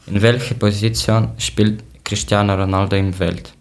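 Co-hosting a podcast, a Ukrainian man with a deep, lowish voice reads out prepared remarks in learner German, which is not his native language. The delivery is plain and measured, built from short sentences, with hardly any change in pitch.

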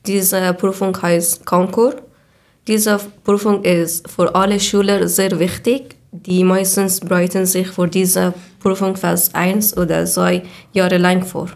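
A woman's voice: fairly low pitch, little pitch movement, takes it slowly, creaky, darkish tone. A woman, answering interview questions carefully with small slips. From Afghanistan. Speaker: interview guest. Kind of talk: scripted answers.

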